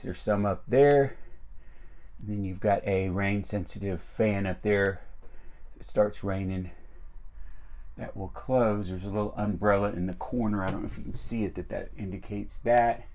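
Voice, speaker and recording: A man giving a casual walkthrough tour of a travel trailer. He talks in a relaxed, chatty way with frequent fillers, recorded on a handheld camera mic while he walks around inside. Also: on the low side, a little hiss or hum. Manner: easygoing, chatty, with frequent uh fillers and small restarts. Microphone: handheld camera mic while walking.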